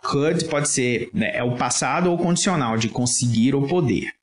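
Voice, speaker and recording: A man's voice: mid-range voice, normal speed, slight background noise. A man with a Brazilian Portuguese accent, teaching English in a casual lesson and patiently checking that listeners follow. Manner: explains patiently, checks understanding often with "tá?". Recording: roomy echo.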